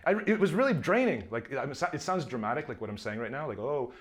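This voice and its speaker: A man's voice: mid-range voice, big pitch swings, quick pace. A man in his thirties, a film director talking in a casual interview, rambling with lots of fillers. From Canada. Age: 30s. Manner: rambling, many fillers and restarts.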